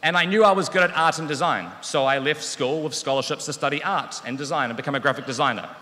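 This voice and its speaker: Quick-paced and forceful, a bright, slightly high voice belongs to a New Zealand teacher in his thirties addressing graduates from a podium. His tone is wry and earnest, with self-deprecating touches, and his stand-mounted mic picks up the long reverb of the large hall.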